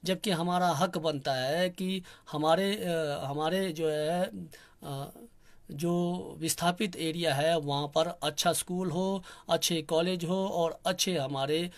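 A young man makes an earnest public appeal in a soft, somewhat quiet voice. He sits a little higher in pitch than most men, and his speech keeps stopping on hesitant fillers as he lays out his complaints. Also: fairly even intonation, slow. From Kinnaur, Himachal Pradesh, India. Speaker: local activist speaking on a channel.

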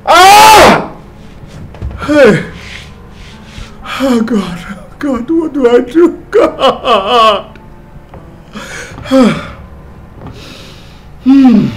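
A man's voice: medium pitch, measured pace, long pauses, a little hiss or hum, close to an everyday voice. A Nigerian actor playing a husband and businessman in a Nollywood film, talking animatedly. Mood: distraught. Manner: animated, stammers when shaken.

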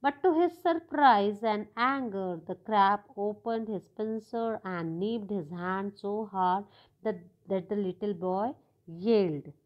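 A woman teaches an English lesson in a patient, hesitant way, stopping often on fillers as she explains each new word. Her voice sits at a middling pitch for a woman. The recording sounds dull and lo-fi. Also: slow pace. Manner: patient, hesitant, many "uh" fillers, defines words. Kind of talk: classroom lesson explaining a story.

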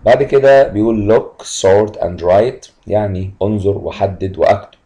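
A man teaching an English lesson, mixing Egyptian Arabic explanations with English words he says slowly twice. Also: on the low side, mellow, rough recording. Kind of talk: vocabulary lesson, slow repeated words.

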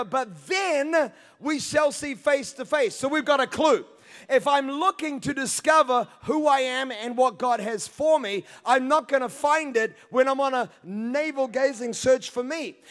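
A man in his thirties preaching a sermon on a large church stage into a handheld mic, swinging between hushed passages and shouted peaks. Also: extremely high pitch. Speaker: pastor. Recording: long hall reverb.

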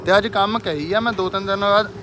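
A man's voice: high voice, steady tone, fast talker, noisy background. A man with a Punjabi accent, vlogging in a casual, chatty way and talking straight to his viewers on a phone camera. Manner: chatty, talks straight to viewers while walking and driving. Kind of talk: casual vlog chat.

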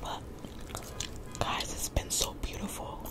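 A woman in her twenties doing laid-back, rambling ASMR chat in a breathy whisper, close to the mic, softly repeating her phrases. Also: slow. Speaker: ASMR creator. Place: small bedroom, lying in bed. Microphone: desk condenser microphone very close to the mouth.

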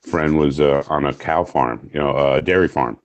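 With a rumbling low voice at a moderate pace, this middle-aged guest from Orange County, New York, is a firefighter speaking on a video call via earphone headset. He's candid and jokey and laughs easily, though the recording is muffled.

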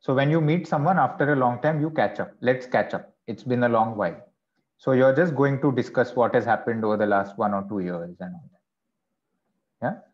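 A man teaching an online class at a middle pitch, walking through each option calmly. He checks in often with a quick "okay" or "right". The audio is dull and lo-fi.

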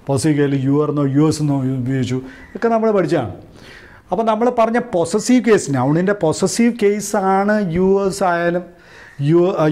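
A man with a Malayali accent teaching a grammar class. His voice sits a little high for a man. He goes over each point slowly and repeats it, checking with his listeners as he goes. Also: darkish tone. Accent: Malayali English. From Kerala, India. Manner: slow, repetitive, recaps and asks "right?". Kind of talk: classroom-style grammar lesson.

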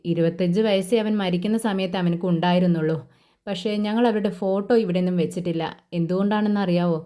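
A woman's voice: fairly low pitch, warm tone, natural voice. A woman voicing an older man who teases a crying servant girl and then speaks sadly of his lost son. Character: older man, grieving husband, teasing.

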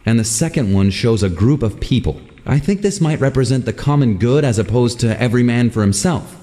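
A man plays a curious young explorer in a video game, wandering ruins with his dog and thinking out loud over every clue. His pitch rises and falls freely as he talks. A long reverb trails his lines over faint background noise. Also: lightly acted. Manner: muses aloud, puzzling over clues. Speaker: game protagonist.

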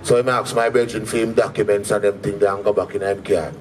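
A man with a Jamaican accent does stand-up at a live comedy venue with an audience, telling stories in patois and acting out the people in them. His voice is on the low side, flat and quick, picked up by a distant mic with faint crowd and room noise.

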